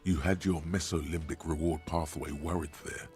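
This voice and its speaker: A male voice actor narrating a video game with a measured, deadpan, dryly wry delivery. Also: rumbling low, soft background music.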